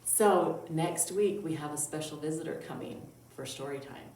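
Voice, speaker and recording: A woman with a deep, darkish voice hosts storytime at a children's library, moving at a moderate pace. Playful and sing-song, she asks the young kids simple questions, recites poems and sings. The sound is roomy with echo, distant-miked, with faint noise.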